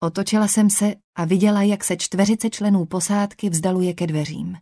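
Woman calmly narrating an audiobook. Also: medium pitch, no echo, clean studio sound. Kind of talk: scripted first-person narration.

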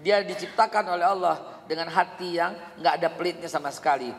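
A middle-aged man, preaching a sermon and telling animated stories about his family. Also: fairly high pitch, fairly quick, creaky. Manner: animated storytelling, quoting family dialogue; sings snatches of a song. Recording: long hall reverb.

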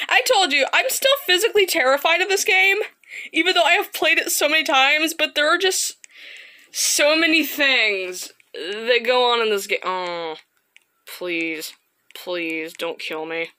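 A woman's voice: high voice, normal speed, pushed and bright. A woman commenting on a horror game as she plays, often breaking into panicked screams and shrieks, her voice strained from all the screaming. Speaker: gaming video host.

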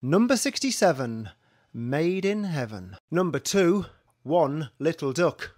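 Man, bingo caller, sing-song number-and-rhyme calls, fairly high voice, slow delivery. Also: very animated, darkish tone, no room sound, clean studio sound.

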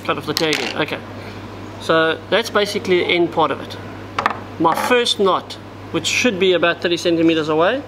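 A man walks through tying a knot step by step, explaining each move as his hands work. His voice sits fairly high for a man. He is recorded indoors in a tackle shop, with a clear air-conditioning hum behind him. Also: a little fast. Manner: step-by-step, talks while working with his hands. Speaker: fishing tackle instructor. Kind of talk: hands-on tutorial demonstration.

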